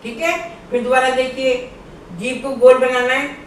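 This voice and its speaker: A woman's voice: sits high, fairly even intonation, moderate pace. A woman yoga teacher explains breathing exercises patiently, one step at a time. Her voice comes from some distance off the mic in a strongly echoing room. A faint hum of ambience sits under her words. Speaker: yoga instructor. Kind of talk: instructional yoga lesson. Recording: very echoey room, far from mic.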